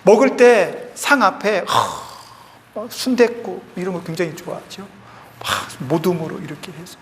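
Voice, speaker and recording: A man's voice: sits high, creaky, fairly bright tone. A man preaching a sermon as pastor, his voice rising and falling with emotion. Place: church sanctuary. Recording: church hall reverb, faint room noise.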